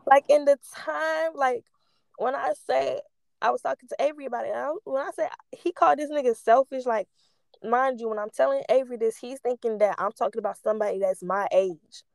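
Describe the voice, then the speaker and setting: A woman's voice: high voice, a little fast, vocal fry, darkish tone, dry recording. A young woman telling personal stories casually, stoned and rambling, losing her thread, with candid slang and free swearing.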